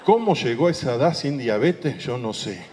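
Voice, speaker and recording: A priest tells a light, joking story in his sermon, breaking off for playful asides. His voice sits at a middle pitch. A long reverb hangs on every phrase. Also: very animated, normal speed, a little mellow, slight background noise. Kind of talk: humorous anecdote in a sermon.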